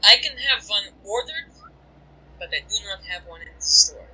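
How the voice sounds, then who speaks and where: A male shopkeeper of a dingy magic shop speaks slowly and formally, as a game master voices him. The voice is very bright and sits close to an everyday speaking voice. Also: medium pitch, very animated, a little hiss or hum, rough recording. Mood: apologetic.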